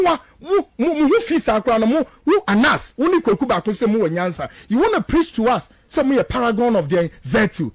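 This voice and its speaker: A Ghanaian political commentator, his voice sitting high in a dry recording, makes impassioned accusations on a radio show. He alternates between two languages and repeats phrases to drive his points home.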